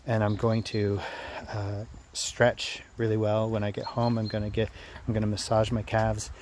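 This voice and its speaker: Male vlogger, lowish voice, reflective and halting casual monologue, faint ambient noise behind. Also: level tone, a little mellow. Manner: reflective, halting, repeats phrases. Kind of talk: casual personal vlog monologue.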